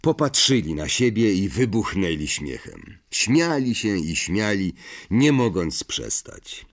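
A male audiobook narrator with a fairly low, husky voice. He reads expressively, and his pitch rises and falls in a lively way throughout the narration. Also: slow. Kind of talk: audiobook reading.

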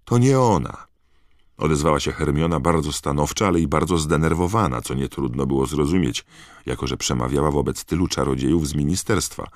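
A man reading a fantasy novel aloud as narrator, measured and even. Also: a bass voice, no echo, studio quality. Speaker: audiobook narrator. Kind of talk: scripted narration.

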